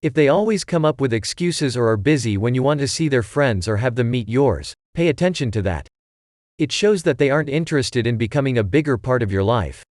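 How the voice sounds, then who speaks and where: A man narrating a scripted advice list in an even, measured way. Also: medium pitch, no echo, studio quality.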